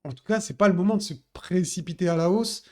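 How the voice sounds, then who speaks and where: A man's voice: high-pitched, quick pace. A man talking casually through a crypto chart analysis, addressing viewers directly with many fillers.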